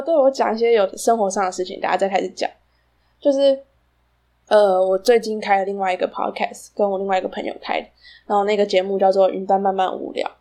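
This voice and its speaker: A woman's voice: mid-range voice, darkish tone. A woman with a Taiwanese Mandarin accent hosting a casual solo podcast, rambling and self-deprecating, her articulation a little slurred from wearing braces.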